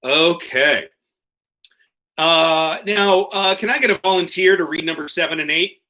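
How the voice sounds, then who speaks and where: A man's voice: on the high side, unhurried, pushed and bright, low-quality recording. A man hosting an online quiz over a video call, reading questions and tossing in joking, profane asides. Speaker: quiz host.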